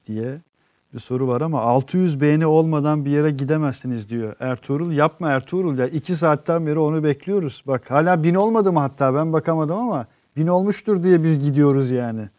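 A man with a dark, mellow tone hosts a casual live stream, reading out viewer comments and explaining at length. He sounds earnest and unhurried and often drifts off with long fillers. The sound is close and dry. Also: fairly high pitch, no room sound.

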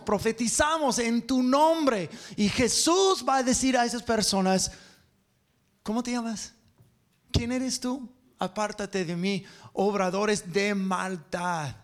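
A man preaching a sermon to a church congregation, moving between quick bursts and slow, stressed phrases. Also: high-pitched.

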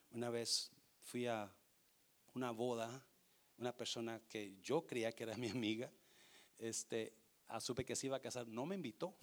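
This preacher has a mid-range voice and alternates between hushed, gentle storytelling and loud, emphatic declarations in his sermon. Now and then he slips in some English.

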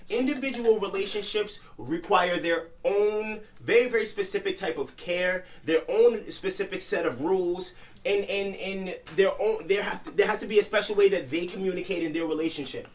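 A man's voice: high voice, moderate pace, far from the mic. A man co-hosting a casual podcast discussion, making his point earnestly and circling back over his own phrases. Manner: earnest, repeats phrases while building a point. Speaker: podcast co-host.

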